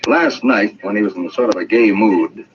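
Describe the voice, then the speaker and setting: An actor playing an insistent, cocksure police constable making accusations in an old-time radio drama. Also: male voice, fairly low pitch, moderate pace, natural voice. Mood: accusing. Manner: insistent, triumphant. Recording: muffled, hissy old radio recording.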